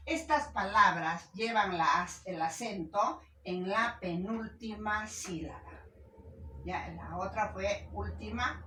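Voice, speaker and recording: A woman's voice: mid-range voice, a bit bright. A woman teacher giving a grammar lesson, stressing syllables and putting questions to her students. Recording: roomy, from a distance, faint noise.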